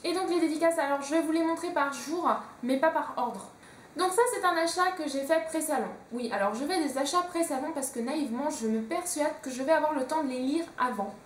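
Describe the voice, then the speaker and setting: A woman's voice: sits high, brisk, recorded from a distance, a little hiss or hum. A young woman chatting casually as a book vlogger, hesitant and full of fillers. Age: young adult. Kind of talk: casual chat. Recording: echoey room, a bit off-mic.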